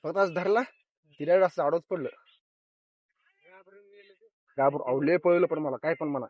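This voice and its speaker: A young man, vlogging casually outdoors on a farm, talking excitedly to his viewers as brothers. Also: a little high, moderate pace, dull audio.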